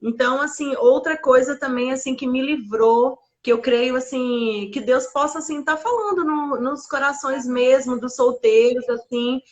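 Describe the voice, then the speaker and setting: A woman with a high voice tells a personal faith testimony. She speaks earnestly, leaning on fillers as she goes. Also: moderate pace, few pauses. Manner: earnest, many fillers like "assim" and "né". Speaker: guest sharing her testimony.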